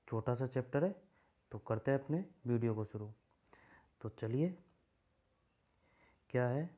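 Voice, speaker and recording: A man's voice: mid-range voice, warm tone, lo-fi sound. A man teaching an exam-prep grammar lesson in a casual way, repeating himself as he points things out. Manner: casual, repeats himself while writing on a board.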